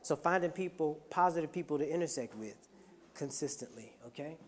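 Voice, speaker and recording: Lively, animated workshop leader. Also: mid-range voice, a little fast, a little hiss or hum. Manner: energetic, conversational, checks in with "right?". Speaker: teacher leading a workshop. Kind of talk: interactive group discussion.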